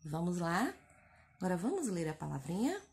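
A woman teacher from Brazil with a northeastern Brazilian accent, speaking slowly in a sing-song way as she sounds out syllables and praises young children in a recorded phonics lesson. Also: lowish voice, big pitch swings, darkish tone. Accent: Brazilian Portuguese, northeastern. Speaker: first-grade teacher.

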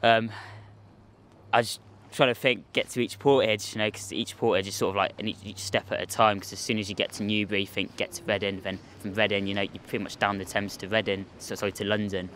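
A young man answers questions outdoors by a lake, eager and a little rambling. He talks fast in a low, flat voice. Faint outdoor noise sits behind him. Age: young adult. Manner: quick, eager, slightly rambling. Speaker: young army canoe racer being interviewed. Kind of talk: casual interview answers.

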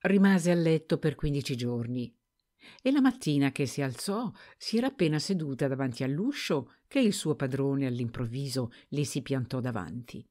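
A woman reads a story aloud as an audiobook narrator, in a low voice that moves lively up and down. Her telling is expressive and carefully scripted. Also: normal speed.

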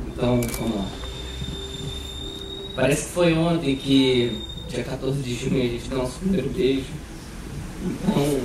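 A man, telling informal wedding vows as a groom. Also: mid-range voice. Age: 20s. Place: outdoor night wedding with guests. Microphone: handheld mic through speakers, filmed from afar. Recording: echoey far-off event recording, noisy.

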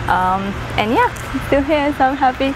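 A young woman in her twenties talks to camera while walking a city street, her voice a little high and full of hesitant fillers and soft laughs. She is on a clip-on mic, with clear traffic and street noise around her. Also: lively intonation, moderate pace. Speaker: photography vlogger. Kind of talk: casual vlog walk-and-talk. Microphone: lapel mic.

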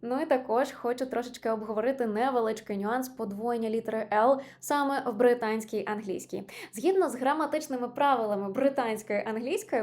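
A woman teaching an online English lesson, patiently explaining spelling rules and stressing each example word. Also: a little high.

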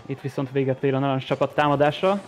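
A man's voice: medium pitch, a little hiss or hum. A man co-commentating a video game match live, adding analysis of the plays. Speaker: esports co-commentator.

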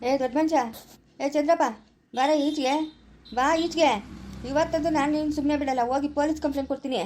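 Lady doing an angry village dad yelling accusations, high mellow voice, fast. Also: steady tone, a little hiss or hum, lightly acted. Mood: accusing. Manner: shouting, accusing. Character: angry middle-aged village father. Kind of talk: village family skit acting.

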